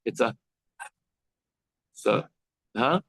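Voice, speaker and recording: A man teaching a text class as a rabbi, reading lines and explaining them slowly, pausing to demonstrate sounds and speak to students in the room. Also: mid-range voice, expressive, vocal fry, a bit bright, breathy edge, no room sound, poor audio.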